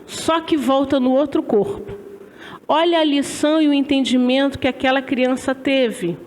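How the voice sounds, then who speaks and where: A woman from Brazil giving a spiritist religious lecture in a lecture hall, animated and chatty as she tells stories. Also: sits high, normal speed.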